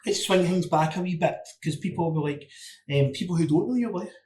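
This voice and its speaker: Man, high voice, animated podcast host, chatty, roomy echo. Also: quick pace. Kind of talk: casual podcast conversation.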